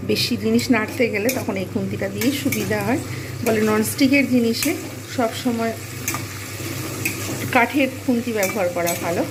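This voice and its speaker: A hoarse woman with a cold, hosting a cooking channel and explaining each ingredient and step as she cooks. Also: a little high, normal speed, long pauses. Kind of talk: casual cooking demonstration. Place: home kitchen, cooking at the stove. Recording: noisy kitchen with frying sizzle.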